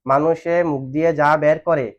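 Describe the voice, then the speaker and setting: This classroom Arabic grammar lesson comes from a man whose voice is on the high side, steady in tone, and a little fast. He puts questions to students and has them answer back, and the lo-fi recording sounds dull.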